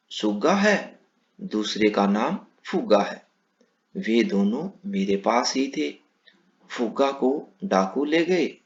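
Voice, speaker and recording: A man voicing a calm, wise old male sage in a children's story reading, speaking slowly and gently. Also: medium pitch. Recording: dull lo-fi recording.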